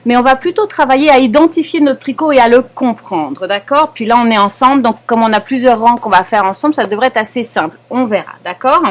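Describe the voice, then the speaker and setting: Teaching knitting live online, a young adult woman with a French accent and a voice on the high side takes things one step at a time. She's patient and explanatory, frequently hesitating and asking her students "d'accord?".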